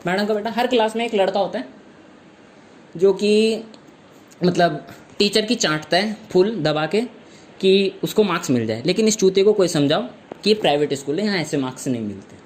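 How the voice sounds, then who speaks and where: A man's voice: sits high, expressive, moderate pace, slight background noise. A male stand-up comedian telling a story in a casual, chatty, slangy way.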